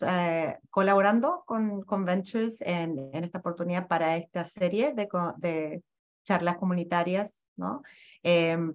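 A woman cofounder introduces herself on an online panel, pausing and restarting as she gathers her words. Her voice is lower than most. The video-call audio sounds muffled. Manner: hesitant, many fillers and restarts. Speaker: cofounder, cooperative trainer.

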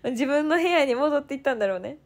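A young woman in her twenties, chatting as she tells a story. Her voice sits high and jumps around a lot. She acts out what others said in quick bursts and laughs often. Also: animated. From Toyama, Japan. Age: 20s. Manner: fast bursts of quoted speech. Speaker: idol turned streamer. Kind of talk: casual storytelling chat.

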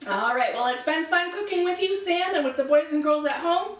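A woman's voice: very high voice, lively intonation, a little fast. A woman hosting a children's church lesson, cheerful and encouraging as she talks to the kids. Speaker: children's ministry host. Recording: roomy, distant mic, faint noise.

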